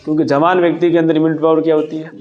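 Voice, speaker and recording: A man teaching a classroom lecture, dictating notes slowly and repeating each line, then quizzing his students with questions. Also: fairly high pitch, level tone, dull audio.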